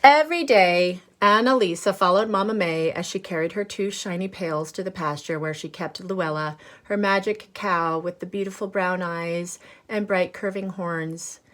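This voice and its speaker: Her voice sits on the low side as she reads a picture book to kids, teacher-style. She's expressive and unhurried, breaking off to clarify things with easy questions and little asides.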